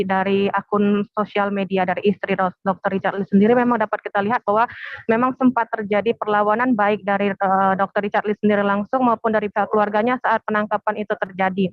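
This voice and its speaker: A woman reporting live by phone, speaking hesitantly with many filler pauses. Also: medium pitch, no room sound. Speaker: field reporter. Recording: tinny phone line, dry, faint music.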